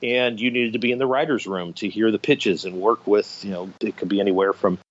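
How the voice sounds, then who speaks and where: This man, in his fifties with an American accent, is a podcast guest telling casual, self-deprecating stories in an interview. His lowish voice moves fairly quickly with fairly even intonation, and the remote call comes through dull and lo-fi.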